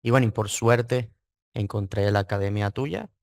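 Speaking at a normal speed in a fairly low, creaky voice, the trading student from Mérida, Venezuela, responds to interview questions. The recording is dry, and his answers come out casual and hesitant, with repeated words.

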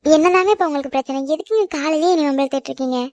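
A woman voicing a feisty, quick-tongued schoolgirl in a cartoon who protests and talks back. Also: sits high, a little mellow, no echo, dull audio, natural voice. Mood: protesting. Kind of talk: cartoon voice acting.

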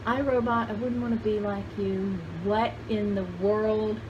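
In a noisy, cluttered indoor room with shelves, a woman in her sixties shows vintage finds to the camera. Her mid-range voice is flat and measured, though her casual chat still rambles in a folksy, exclamatory manner, often aimed at herself and her viewers. The highs are cut off.

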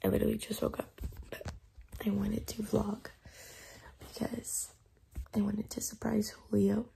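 A woman's voice: mid-range voice, little pitch movement, unhurried, creaky. Young woman whispering, her voice gone. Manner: chatty, many "like" fillers. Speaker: vlogger. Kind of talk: casual vlog chat. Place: home, then car and outdoor field. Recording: loud background noise.

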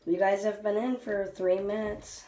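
A woman's voice: medium pitch, steady tone, normal speed, warm tone, low-quality recording. A young female behind the camera, chatting casually as she runs a home vlog challenge. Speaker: camera operator running the challenge. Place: small bathroom. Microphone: handheld phone, close by.

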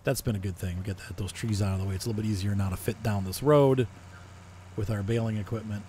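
Low-voiced man musing over a farm game. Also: fast talker, a little hiss or hum. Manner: relaxed, thinking aloud with fillers. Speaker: gaming video host. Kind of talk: casual farming-sim commentary.

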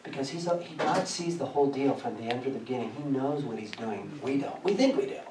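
A man preaching a sermon, telling a personal story in a lively way and often laughing as he speaks. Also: medium pitch, fast talker, noisy background. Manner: animated, laughing through his story. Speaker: pastor. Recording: echoey church from a distance.

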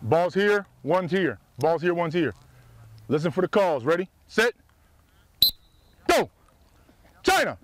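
Football coach guy yelling from the sideline, pitched high, barking the same short orders over and over out on the field. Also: expressive, normal speed, no room sound. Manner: clipped, repetitive commands. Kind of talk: drill instructions on the practice field.

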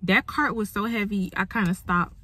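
A woman's voice: medium pitch, moderate pace, over music. A woman, chatting casually in a rambling vlog with lots of fillers. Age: 20s. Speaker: vlogger. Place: on the go, outdoors and in a car.

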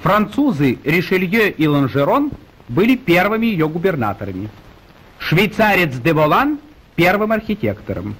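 Husky-voiced man narrating an old newsreel. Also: high-pitched, big pitch swings, moderate pace, a bit bright, poor audio. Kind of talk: 1930s Soviet newsreel narration.

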